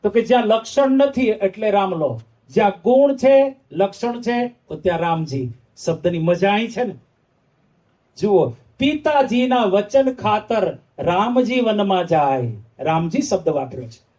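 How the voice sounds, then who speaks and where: A monk preaches a devotional sermon at a moderate pace, his high-pitched voice animated and mellow. Between sung verses, he asks the audience emphatic questions.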